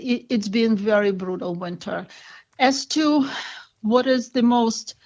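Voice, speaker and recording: A woman from Ukraine, a doctor, speaking earnestly as an interview guest with many pauses and fillers. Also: mid-range voice, dull audio. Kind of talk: conversational interview.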